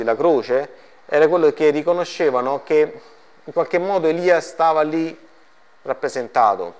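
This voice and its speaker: A man preaching a sermon to a congregation, reading Bible passages and putting rhetorical questions to his listeners before answering them. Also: on the high side. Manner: addresses the congregation directly, lightly joking.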